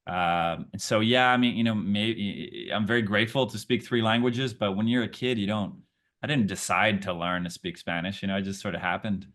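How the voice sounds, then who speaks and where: A man's voice: lowish voice, fairly even intonation, moderate pace, fairly bright tone. A man whose first language is Portuguese, an actor answering interview questions in a friendly, chatty way, thinking aloud as he goes. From Brazil.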